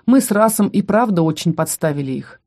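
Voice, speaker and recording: A woman narrating a first-person fantasy audiobook in a steady, even storytelling manner. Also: fairly low pitch, fairly quick.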